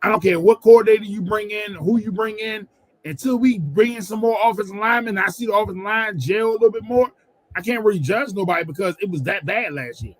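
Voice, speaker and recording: A man's voice: sits high, fast, rough recording. A man on a live sports fan show, giving blunt opinions and stumbling over his words.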